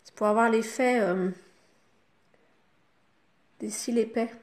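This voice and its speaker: A woman talks through a makeup tutorial. Her chat is relaxed and familiar, dotted with small filler words as she works. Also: on the high side, takes it slowly. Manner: chatty, talks the viewer through each step with fillers like "hop" and "voilà". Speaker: makeup vlogger.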